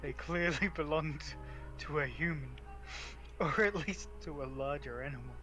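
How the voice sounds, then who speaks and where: Speaking at a normal speed in a mid-range, slightly bright voice, this playful, giggly streamer reads a visual novel with game music in the background. She alternates between casual conversation and theatrical read-aloud narration.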